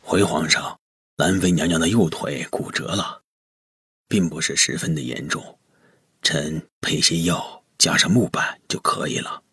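An actor playing a deferential imperial physician in an audio drama, speaking slowly and respectfully. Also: male voice, sharp tone, dry recording, studio quality, exaggerated voice. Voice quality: very deep, raspy.

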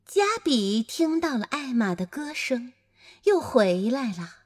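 Playful woman storyteller for a children's story, high and lively, unhurried. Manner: animated, playful.

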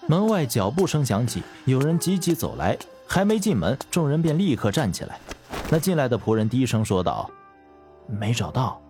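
Expressive male storyteller. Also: mid-range voice, brisk, over music. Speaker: narrator. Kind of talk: storytelling narration.

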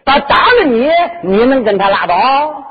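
A man's voice: very high-pitched, expressive, unhurried, husky, heavily acted. A man voicing a young courtier crying injustice. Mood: indignant. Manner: pleading, protesting. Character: young male courtier pleading his innocence. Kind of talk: traditional storytelling performance. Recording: dull lo-fi recording with instrument music.

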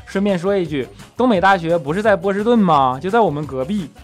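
A man hosts a comedic show, reading listener comments aloud and teasing them with quick comebacks. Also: high voice, lively intonation, soft background music.

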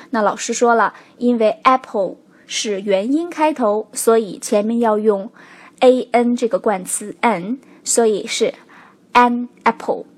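A woman with a slightly high, breathy voice teaches a spoken English lesson. Her first language is Chinese, and she explains each rule step by step, slowing down to model the example phrases.

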